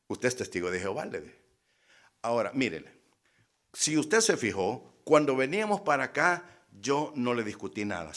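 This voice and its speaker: A male preacher telling a story from the pulpit, switching between voices to act out a conversation. His pitch leaps up and down sharply as he plays each side. His delivery is emphatic and teasing. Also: fairly bright tone. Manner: storytelling, acting out both sides of a conversation. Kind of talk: sermon.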